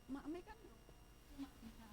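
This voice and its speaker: A woman's voice: sits high, expressive, moderate pace, mellow, a little hiss or hum. An older woman giving a sermon testimony, moving from fervent preaching into chatty storytelling. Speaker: church minister.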